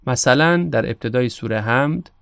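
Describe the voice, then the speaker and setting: A Persian-speaking man teaching Arabic pronunciation for recitation, calm and measured, slowing down on the Arabic examples. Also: medium pitch, gravelly, clean tone, dry recording, studio quality. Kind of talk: explanatory lesson.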